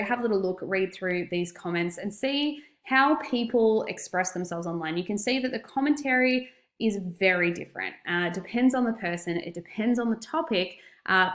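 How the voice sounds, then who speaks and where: Female teacher, Australian accent, medium pitch. Instructive recorded lesson with emphatic key points, noticeably echoey room. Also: fairly bright tone. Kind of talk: recorded classroom lesson, explanatory.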